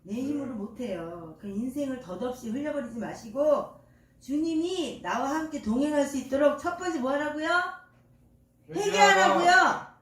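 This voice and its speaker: An older woman pastor with a high, animated, slightly mellow voice preaches at normal speed in a church sanctuary. She quizzes the congregation with call-and-response questions and homely, folksy examples, recorded echoey and from far off.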